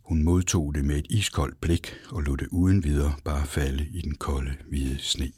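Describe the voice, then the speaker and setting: A man narrates a fairy tale in a deep, husky voice, with expressive and dramatic reading. The sound is dry and close, with no room around it. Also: no echo. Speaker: storyteller. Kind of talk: storybook narration.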